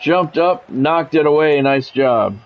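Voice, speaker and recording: A middle-aged gamer calls a football video game like a radio play-by-play announcer, using clipped phrases and informal asides. His voice is a little high, animated, and slow, with phone-quality sound.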